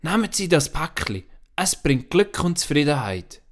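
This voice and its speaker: A man voicing a kind woman neighbor in a children's story, speaking in a hushed, kind way. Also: a little high, big pitch swings, normal speed, voice pushed up.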